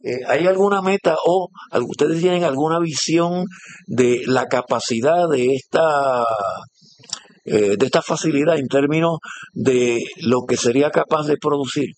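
A man's voice: on the high side, unhurried. A man interviewing a guest, asking chatty questions with many fillers. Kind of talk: on-site interview.

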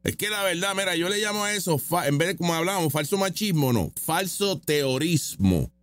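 Reacting to street interview clips, this man offers mocking, opinionated commentary packed with rhetorical questions. He speaks a little fast in a high, expressive voice, recorded dry.

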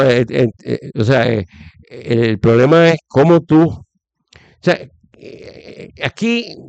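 A man from Puerto Rico, speaking with a Puerto Rican Spanish accent, appears as a guest commentator delivering forceful, opinionated conversational commentary. He is emphatic, with many fillers and restarts, and his voice is medium-pitched and gravelly. The lo-fi recording has no room sound.

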